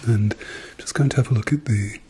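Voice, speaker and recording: An ASMR performer playing a doctor in a medical roleplay speaks softly and reassuringly to the listener, often dropping into whispers. His voice is fairly low, husky and fairly quick.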